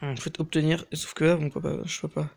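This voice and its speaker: A young man giving casual, crude commentary while playing a mobile game, talking fast and nervously, swearing often. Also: fairly high pitch, level tone, creaky, darkish tone. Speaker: mobile gaming YouTuber.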